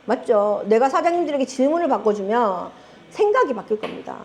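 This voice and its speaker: A middle-aged woman with a Gyeongsang Korean accent gives a lively talk to a seminar audience as a network marketing group leader, teasing them and asking them questions. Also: on the high side, fairly quick, slight background noise. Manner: animated, teasing, asks the audience often and laughs. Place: seminar room with a live audience.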